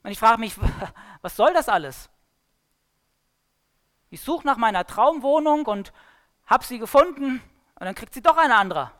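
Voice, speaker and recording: A woman giving a sermon-style Bible talk, telling the story dramatically and swinging between loud emphasis and hushed lines. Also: on the high side, lively intonation, moderate pace. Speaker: preacher.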